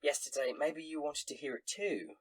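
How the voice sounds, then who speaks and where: A man voicing a tipsy, dim but friendly barmaid in a tabletop game, with loud, sassy, folksy calls and stammers. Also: a little high, normal speed, breathy edge, pitched above the performer's own voice. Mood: gossipy.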